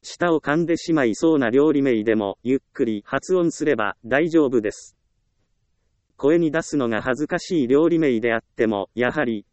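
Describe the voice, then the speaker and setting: A man calmly narrating a self-help book, reading advice in an even, instructive way. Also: mid-range voice, no echo.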